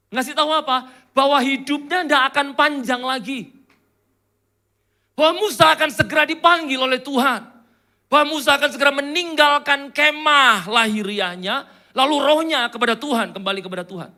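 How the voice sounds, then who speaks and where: A pastor preaching in church, joking and chatting with the congregation between points. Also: male voice, very high-pitched, pushed and bright. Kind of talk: sermon.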